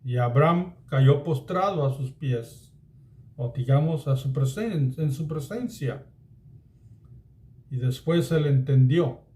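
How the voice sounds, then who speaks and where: A man's voice: mid-range voice, slow pace, mellow, roomy sound. A man teaching a Bible study sermon in Spanish, earnest and addressing his listeners as beloved.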